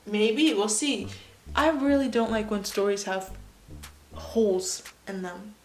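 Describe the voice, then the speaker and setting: A woman's voice: medium pitch, fairly even intonation, takes it slowly, reverberant, soft background music, rough recording. A woman of nineteen reading her old story aloud and breaking off for sarcastic, self-mocking comments. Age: young adult. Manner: sarcastic, self-mocking asides between read passages.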